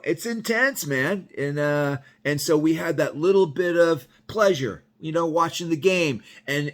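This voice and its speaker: A man telling a personal story in a loose, rambling way, full of "you know" and "bro.". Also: mid-range voice. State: sweaty after yard work. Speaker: vlogger telling personal stories. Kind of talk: casual spoken storytelling.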